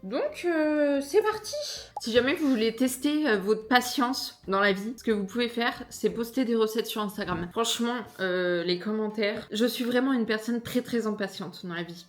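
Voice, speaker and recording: A woman's voice: fairly high pitch, normal speed, hardly any pauses, faint music behind. Chatty playful young woman vlogger. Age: 20s. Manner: chatty, playful, self-mocking. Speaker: lifestyle vlogger. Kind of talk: casual vlog chat to camera.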